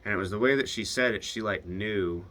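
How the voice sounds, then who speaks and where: A young man speaks to his video diary in a low but bright, forward voice. He talks haltingly, restarting sentences, retelling a phone call line by line. He swears when it gets to him. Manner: hesitant, restarts often, swears when upset; retells phone calls, quoting both sides. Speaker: video diarist. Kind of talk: casual confessional monologue.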